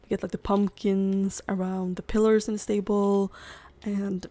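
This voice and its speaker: At medium pitch and a somewhat slow pace, this young woman's mellow voice moves very little in pitch. A gaming YouTuber, she rambles casually over gameplay, filling every gap with "like," while her voice strains and gives out.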